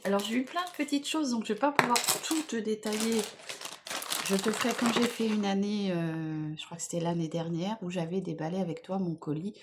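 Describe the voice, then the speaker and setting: A woman's voice: medium pitch, heavy background noise. Chatty woman showing off her gifts. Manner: chatty, enthusiastic, many fillers and repeated words. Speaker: beauty vlogger. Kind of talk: casual unboxing chat to camera.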